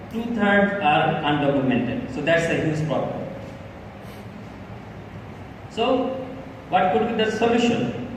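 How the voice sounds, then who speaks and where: A man from Bangladesh presents on stage in a slightly raised voice, talking earnestly and haltingly. He is picked up from far off, with a long, echoing hall reverb and a faint hum of room ambience behind him. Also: on the high side. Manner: earnest, halting, with frequent fillers and restarts. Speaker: startup presenter. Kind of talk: live pitch presentation.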